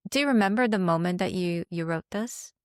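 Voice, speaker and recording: A woman hosting a podcast, asking questions in a warm, admiring, unhurried way. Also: fairly low pitch, no echo, studio quality. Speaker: podcast host. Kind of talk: casual interview chat.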